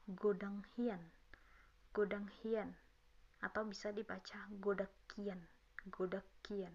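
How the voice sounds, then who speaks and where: A woman giving a casual online language lesson, chatting with viewers and repeating example words slowly and carefully. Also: medium pitch, fairly bright tone. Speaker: language teacher. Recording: dull lo-fi sound.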